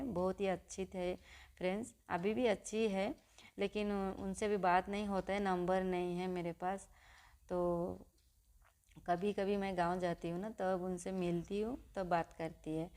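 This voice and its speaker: A young woman vlogger telling her own story to viewers in a halting, personal way, with frequent restarts. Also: medium pitch, level tone, a little mellow.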